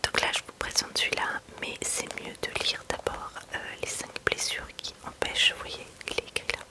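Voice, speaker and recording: A woman speaking in a soft library whisper as an ASMR host, presenting books in a chatty way and reading passages aloud. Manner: unhurried, chatty delivery mixed with reading aloud.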